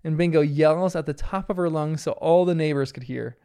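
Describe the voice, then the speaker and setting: A man's voice: on the high side, a little fast, warm tone, clean tone. A man casually recapping a cartoon episode, often laughing as he retells the scenes.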